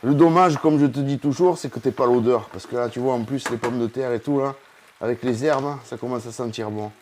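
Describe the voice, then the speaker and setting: A man's voice: medium pitch, a little fast, a little mellow, a little hiss or hum. A man hosting a casual home cooking vlog, talking chattily straight to the viewer. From southern France. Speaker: cooking video host. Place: home kitchen.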